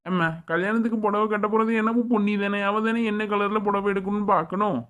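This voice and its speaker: A woman's voice: medium pitch, steady tone, fast, highs cut off, natural voice. A woman voicing a young groom caught between his mother and bride in a cartoon. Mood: firm. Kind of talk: cartoon voice acting.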